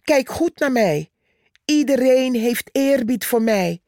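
Storybook: woman voicing a proud male tree, condescending and slow. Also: a little high, expressive, mellow, no room sound, clean studio sound, pitched above the performer's own voice. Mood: boastful. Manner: condescending, scornful. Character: boastful haughty male purpleheart tree.

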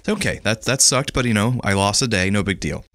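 A man's voice: on the low side, fairly quick, a bit bright, dry recording, clean studio sound. A man co-hosting a podcast, chatting and telling stories with easy laughs. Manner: chatty storytelling, laughs easily. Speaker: podcast co-host. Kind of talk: casual chat. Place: small office recording booth.

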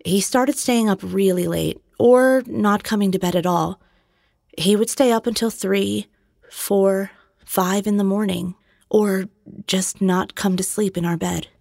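Creaky-voiced wife recounting trouble. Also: female voice, medium pitch, unhurried, darkish tone, dry recording. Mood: troubled, reflective. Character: distressed young wife and mother recounting her marriage. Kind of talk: documentary reenactment monologue. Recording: close dry studio, music behind.

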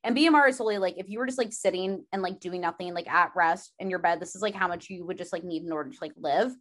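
A young woman co-hosting a podcast, her voice a little hoarse and lower than usual from a sore throat. She explains in a loose, chatty way, leaning on "like" as filler. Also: fast talker, a bit bright. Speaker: podcast co-host. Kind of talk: casual chat.

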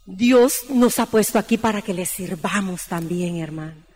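A woman's voice: mid-range voice, moderate pace, darkish tone, husky. A woman preaching a sermon in a church, emphatic and repeatedly calling her listeners sisters. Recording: long reverb in a church hall.

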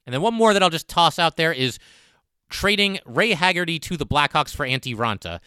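A man's voice: a little high, lively intonation, brisk, bright, forceful tone, smooth, no room sound. A man hosting a sports podcast in a top ten countdown style, giving emphatic, conversational fan commentary.

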